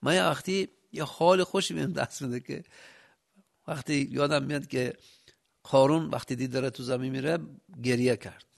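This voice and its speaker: A man from Yazd with a Yazdi accent, giving a sermon with rhetorical questions and a loudness that rises and drops. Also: mid-range voice, steady tone, creaky. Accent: Yazdi Persian. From Yazd, Iran. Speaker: preacher.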